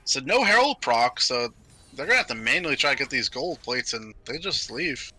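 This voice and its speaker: Bright-voiced male esports caster. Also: medium pitch, very animated, breathy edge. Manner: brisk, analytical, with frequent fillers. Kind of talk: play-by-play commentary.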